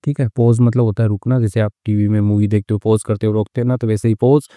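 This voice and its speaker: A man with a warm, mellow voice teaches English through a story. He reads each line, stops to gloss it phrase by phrase, and keeps the tone patient and chatty. The sound is close and dry, with no room around it. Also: lowish voice, little pitch movement, dry recording. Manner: reads English lines slowly, then glosses them.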